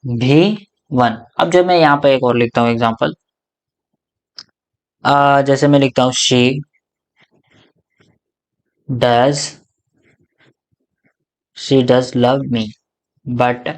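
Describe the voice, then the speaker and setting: A young male teacher gives a classroom grammar lecture, slipping English words into his explanations and turning each key point into a question he then answers himself. His medium-pitched voice is fairly even in intonation, slow, with long pauses.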